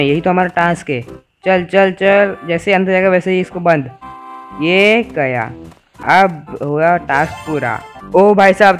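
A young man giving playful, teasing commentary over a video game and talking to its characters. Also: sits high. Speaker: gaming YouTuber. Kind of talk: Let's Play commentary.

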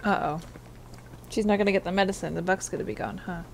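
A woman streamer commentating her own gameplay, excitable, swearing and yelling at the game. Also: lowish voice, quick pace, vocal fry. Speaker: gaming streamer. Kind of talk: live let's-play commentary. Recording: background noise from the game.

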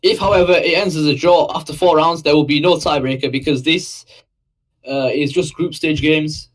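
A man co-commentating a live esports match, upbeat and teasing, with quick reactions to plays. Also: fairly high pitch, steady tone, low-quality recording. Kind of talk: casual live game commentary.

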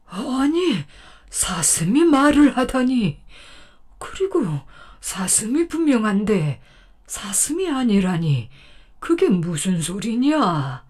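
A woman voicing a kind, gentle old grandfather who talks in a slow, drawn-out way. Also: fairly high pitch, very animated, exaggerated voice. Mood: astonished.

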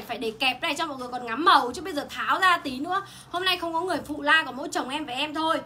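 A young woman doing a livestream sales pitch for clothes, chatty and exclaiming often. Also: pushed and bright, a little hiss or hum. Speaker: online clothing seller. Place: indoor home shop.

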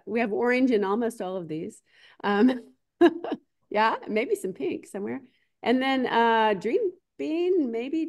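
Chatty woman co-hosting a livestream. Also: a little high. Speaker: livestream co-host.

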